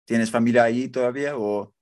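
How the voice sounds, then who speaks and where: A man's voice: mid-range voice, steady tone, a little fast, a little mellow. A man interviewing casually, curious and asking lots of short follow-up questions. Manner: curious, asks many short questions, encouraging fillers.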